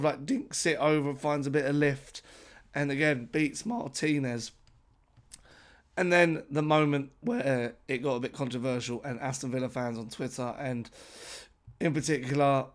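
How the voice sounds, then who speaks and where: A man hosting a casual football reaction vlog, his voice croaky from a late flight, talking excitedly with emphatic repetitions. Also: medium pitch. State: croaky voice from travel. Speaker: football fan channel host.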